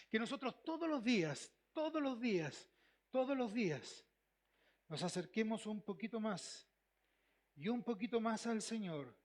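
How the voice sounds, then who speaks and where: Pastor chileno predicando, voz aguda, repite todo y pregunta a la gente. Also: male voice, high voice. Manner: emphatic, repeats phrases, asks the congregation questions. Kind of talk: sermon.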